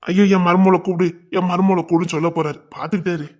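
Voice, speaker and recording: A man's voice: high-pitched, fairly even intonation, racing. A young man, acting a protective, hot-tempered village lover who teases his girl. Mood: tender teasing. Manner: rough, protective, teasing. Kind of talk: web series drama acting.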